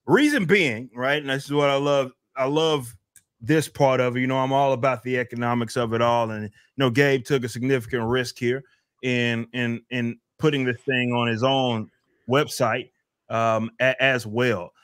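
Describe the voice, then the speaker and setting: A man's voice: medium pitch, steady tone, normal speed, a bit bright, clean tone, no echo, studio quality. Hyped, profane man hosting a stream. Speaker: host. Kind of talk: casual chat.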